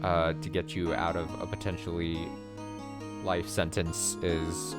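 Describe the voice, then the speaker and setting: A man's voice: deep voice, level tone, measured pace, loud music behind the voice. A man hosting a gameplay video, reading the game aloud and commenting casually as he goes. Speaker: gameplay host.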